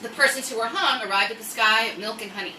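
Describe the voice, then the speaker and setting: Fast-talking, bright and forceful, with a fairly high pitch, an American woman runs a chatty live story-time stream where she rambles, jokes and reads aloud. English is her first language. The audio is distant and echoey, with faint noise.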